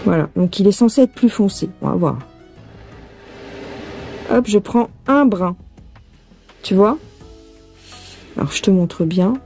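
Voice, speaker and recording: A woman's voice: mid-range voice, lively intonation, unhurried, pauses often, warm tone, soft background music. Chatty French woman teaching cross-stitch. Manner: chatty, thinking aloud, addressing viewer as tu. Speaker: cross-stitch tutorial host. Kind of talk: casual hands-on embroidery tutorial. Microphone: phone filming her hands.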